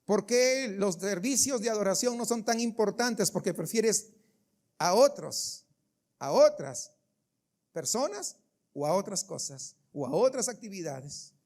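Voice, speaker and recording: A pastor with an unusually high-pitched man's voice, delivering a sermon in church. He talks emphatically and keeps throwing questions at the congregation. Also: animated, measured pace, a little mellow.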